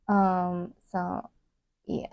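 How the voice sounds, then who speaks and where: A young woman chatting casually while doing her makeup, rambling with many fillers and trailing off into soft asides. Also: on the low side, very slow, no echo. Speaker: beauty vlogger. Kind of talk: casual get-ready-with-me chat.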